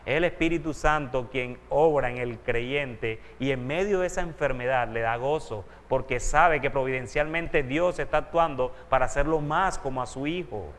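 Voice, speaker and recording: A pastor preaches in a steady mid-range voice and teaches earnestly, often turning to his listeners with questions. His voice rings out with a long reverb from a church hall. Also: medium pitch, moderate pace, hardly any pauses. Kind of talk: sermon.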